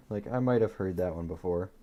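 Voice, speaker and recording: A man hosts a live coin-hunting stream, murmuring coin dates in a steady run and dropping easygoing asides to his viewers. His voice sits a little low, with a warm, mellow tone. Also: muffled recording, a little hiss or hum. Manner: easygoing, laughs at his own dad jokes. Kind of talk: casual live-stream commentary.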